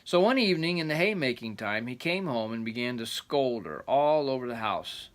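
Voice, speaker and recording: Rambling grandpa storyteller with a bright voice. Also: male voice, mid-range voice, animated, moderate pace. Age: older. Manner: rambling, folksy asides and plain explanations. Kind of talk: rambling grandpa story time, reading a folk tale aloud.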